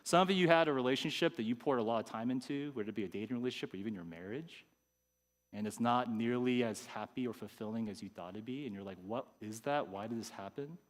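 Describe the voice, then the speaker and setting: A pastor giving a conversational sermon, sometimes acting out people's inner thoughts. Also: male voice, mid-range voice, fast, in a large hall. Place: church sanctuary.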